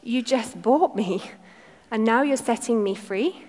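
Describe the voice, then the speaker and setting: A woman voicing a young enslaved girl who speaks quietly and slowly through clenched teeth. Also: fairly high pitch, long reverb tail. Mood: disbelieving.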